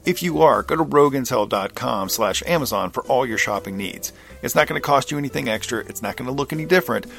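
Fast, gravelly man reading a promo. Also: mid-range voice, animated, a bit bright. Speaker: podcast network announcer. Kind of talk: casual promo read.

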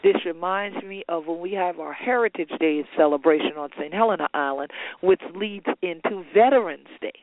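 A man hosting a history talk, speaking in an emphatic, deliberate storytelling manner. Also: high-pitched, dry recording. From Gullah Geechee lowcountry of coastal South Carolina. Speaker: show host and heritage speaker. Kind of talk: spoken history talk to an audience. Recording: thin phone-like radio sound.

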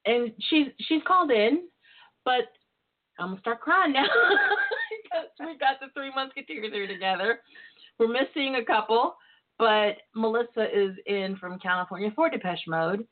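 A woman's voice: a little high, very animated, moderate pace. Campy, sassy woman host, phone-like sound. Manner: campy, sassy, bawdy, chatty. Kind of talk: casual solo radio chat. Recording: tinny phone line sound.

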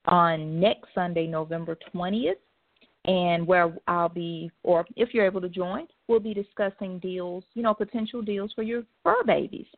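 A woman's voice: lowish voice, normal speed, no room sound. A woman hosting an internet radio show in casual, chatty talk. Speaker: host. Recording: tinny phone-line internet radio.

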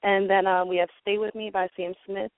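A woman's voice: medium pitch, level tone, brisk, no echo. A woman from a music platform's marketing team, talking over the phone in a radio interview, chatty and full of ums and fillers. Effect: heard over a phone line. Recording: tinny dry phone line.

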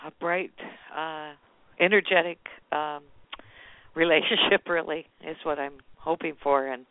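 A woman's voice: low voice, fairly even intonation, slow pace, no echo. A woman caller heard over a phone line, speaking hesitantly with many fillers. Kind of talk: call-in chat. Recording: tinny dry phone line.

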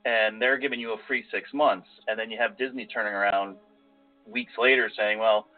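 A man's voice: fairly low pitch, steady tone, fairly quick. A man co-hosting a casual podcast, talking in a rambling, self-deprecating way with a nasal voice. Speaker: podcast co-host. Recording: phone-like lo-fi audio with faint music.

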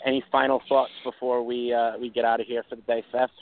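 A man's voice: medium pitch, level tone, quick pace. A man from New York hosting a sports talk show, rambling through picks with many fillers and restarts. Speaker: sports radio host. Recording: dry phone-like line.

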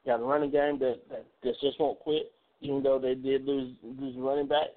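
A man's voice: mid-range voice, fairly quick. Man talking sports over a phone-line sound. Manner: rambling, repeats words, animated. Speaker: sports talk radio host. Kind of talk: casual sports talk show. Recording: phone-like narrow band.

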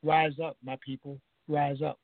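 A man's voice: fairly high pitch, level tone, unhurried, dry recording. A man calling in over the phone who recites a spoken-word poem in a rhythmic way, with strong refrains. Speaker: caller reciting his poem. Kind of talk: spoken-word poetry reading. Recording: tinny dry phone line.

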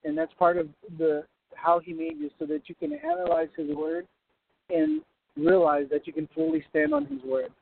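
Driving through the hills, a man calls in to preach prophecy, fervently urging on the listener he addresses directly. He speaks at normal speed in a high, sing-song voice with vocal fry. The call sounds tinny and buzzy, repeatedly glitching and breaking up.

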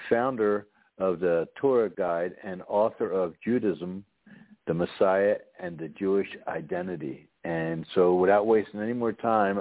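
Rambling, lower-voiced male radio host. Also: no room sound. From Philadelphia. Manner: friendly, rambling with many restarts. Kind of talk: casual radio interview. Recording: tinny phone-like radio audio.

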